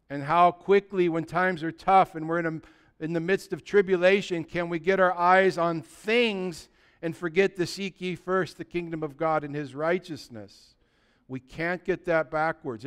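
A male pastor preaching a sermon with passion, rising to loud exhortation and dropping to hushed, tender lines. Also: a little high, clear, resonant tone.

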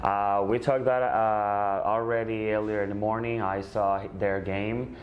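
Halting low-voiced man at a press conference. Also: level tone, highs cut off, slight background noise. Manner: halting, many fillers, searching for words. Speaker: volleyball player. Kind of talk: post-game press conference answers.

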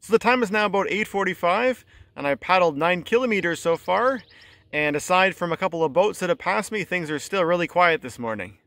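A man in his thirties filming himself outdoors on a phone at arm's length, calmly narrating a solo canoe trip down a river like a tour guide. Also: high-pitched, brisk, dry recording. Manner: calm, informative, tour-guide-like. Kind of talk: casual travel narration. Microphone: phone camera at arm's length.

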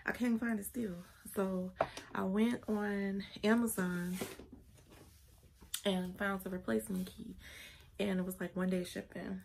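A chatty vlogger speaks into a close-held or arm's-length phone in a small home bedroom, her mid-pitched voice gravelly with morning fry and a little mellow. She keeps a level tone, talks a little slowly with frequent pauses, laughs, and calls her viewers "y'all." Faint room noise hums behind her.

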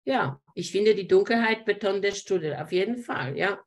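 A woman's voice: medium pitch, lively intonation, moderate pace. A woman hosting a live online art lesson, explaining picture composition while pointing things out to her viewers. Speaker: art teacher hosting a webinar.

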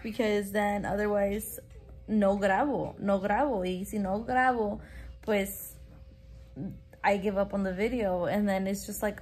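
A young woman vlogging on her phone, chatting casually, switching between English and Spanish, laughing often and filling her talk with "like". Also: mid-range voice. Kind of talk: casual vlog talk to camera. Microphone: phone held at arm's length.

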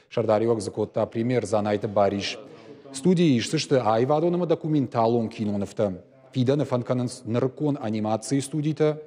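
A man delivers scripted news in a formal, measured way. His voice is dark and mellow at a middling pitch, and long reverb trails behind it. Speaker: news presenter.

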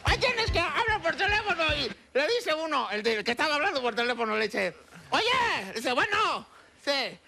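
An actor playing a corny male stand-up comic with a Mexican accent, using a high put-on voice and giggling at his own bad jokes in a TV comedy sketch. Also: big pitch swings, normal speed, creaky, bright, forceful tone, soft background music, heavily acted. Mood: giggly.

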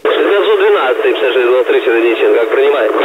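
A man's voice: mid-range voice, expressive, quick pace. A man driving a train, answering over a walkie-talkie radio and tersely repeating instructions back. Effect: heard over a walkie-talkie radio. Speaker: train driver. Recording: crackly lo-fi two-way radio with heavy noise.

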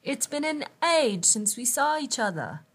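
A woman's voice: high-pitched, very animated, unhurried, breathy edge, pitched above the performer's own voice, heavily acted. A woman voicing a grand female soap-opera star who talks with a put-on fake English accent and theatrical airs. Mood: gushing.

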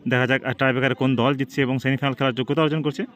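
A man's voice: medium pitch, fairly even intonation, very fast, fairly bright tone. A man gives live football commentary outdoors at a local ground. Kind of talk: live sports commentary of a penalty shootout. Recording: outdoor recording with crowd noise. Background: crowd.

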